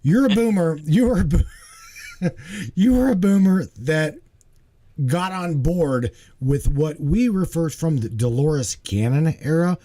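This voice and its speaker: A warm, mellow voice pitched on the high side belongs to this forties-aged man hosting a laid-back livestream. His delivery is lively and emphatic, with frequent repetition and regular check-ins with whoever is listening.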